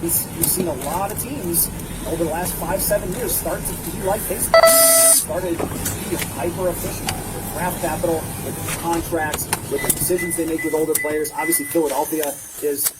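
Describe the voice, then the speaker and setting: A man's voice: a little high, steady tone, normal speed. A man giving sports commentary on a broadcast. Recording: broadcast audio under loud vehicle noise.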